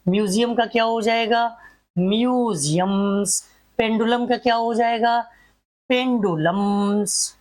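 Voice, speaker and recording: Slow, drilling grammar teacher, woman. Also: fairly high pitch, flat delivery. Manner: repetitive drilling, rhetorical questions, slowly spelled-out examples. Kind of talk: classroom grammar lecture.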